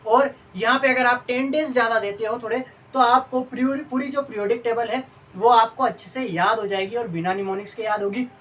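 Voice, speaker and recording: Higher-voiced woman teacher reciting lists. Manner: patient, recites lists in steady pairs. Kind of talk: online study lesson. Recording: distant mic, faint room noise.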